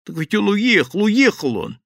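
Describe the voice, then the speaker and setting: A man voicing a terrified petty thief who babbles and begs in a high, gravelly voice. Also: very animated, moderate pace, a bit bright, no echo, clean studio sound, full character voice. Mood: pleading. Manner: frantic, babbling, begging.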